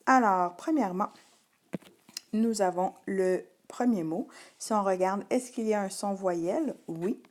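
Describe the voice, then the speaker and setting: A woman's voice: medium pitch, measured pace, a little mellow. A woman teacher giving a patient reading lesson to young children, sounding out letters and syllables one by one. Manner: spells out sounds and syllables carefully, addressing the child directly.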